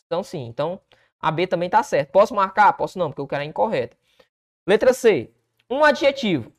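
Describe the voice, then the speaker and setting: A Brazilian man in a grammar class walks through exam questions one by one. He explains each step, asks himself questions and then answers them, and drawn-out words alternate with quick asides. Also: high-pitched, very animated. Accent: Brazilian Portuguese. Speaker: Portuguese teacher. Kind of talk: exam-prep lesson walking through questions.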